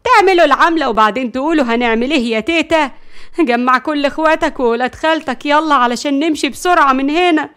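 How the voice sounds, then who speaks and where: A woman with an Egyptian accent voicing a bossy, hot-tempered grandmother who scolds loudly. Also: a little high, brisk, natural voice. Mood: scolding. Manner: scolding, loud and exasperated.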